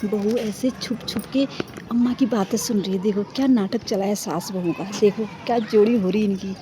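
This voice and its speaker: A woman's voice: medium pitch, fairly even intonation, moderate pace, dark tone, slight background noise. A woman vlogger giving a playful, giggly running commentary to her viewers while filming outdoors on a rooftop. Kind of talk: casual vlog commentary.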